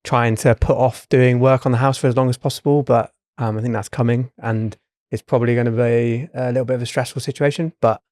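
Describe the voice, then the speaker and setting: A man's voice: mid-range voice, steady tone, fairly quick, few pauses, a little mellow, no echo. A man, co-hosting a podcast in casual chat, speaking thoughtfully and hesitantly with many fillers. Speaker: podcast co-host.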